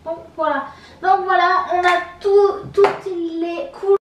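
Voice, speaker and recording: A woman's voice: very high-pitched, fairly even intonation, takes it slowly, distant mic, highs cut off, a little hiss or hum. A woman vlogger presenting makeup colours in a casual show-and-tell, hesitant, with many fillers and repeated colour names. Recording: roomy echo, from off the mic.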